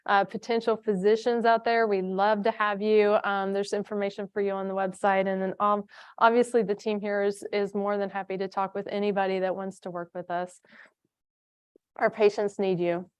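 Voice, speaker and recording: A woman's voice: medium pitch, little pitch movement, normal speed, smooth, no echo. A woman from a nonprofit giving a conference presentation, talking in a chatty way with many fillers and restarts. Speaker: foundation staff presenter.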